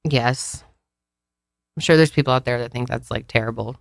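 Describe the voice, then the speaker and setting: A woman's voice: extremely low pitch, moderate pace, gravelly, no room sound, clean studio sound. A woman co-hosting a podcast, putting questions to her co-host and laughing easily in casual chat.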